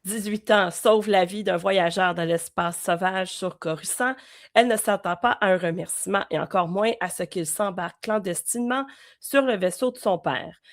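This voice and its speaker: A woman's voice: mid-range voice, normal speed. A woman with a Québécois French accent co-hosting a podcast, chatting with short replies and reading a summary aloud with care. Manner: brief agreeing replies, careful reading. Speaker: podcast co-host. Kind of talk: casual chat and reading aloud.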